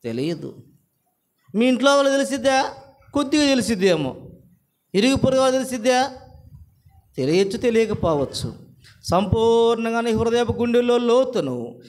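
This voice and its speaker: A man preaching a sermon, repeating phrases and asking the congregation rhetorical questions. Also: sits high. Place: church service.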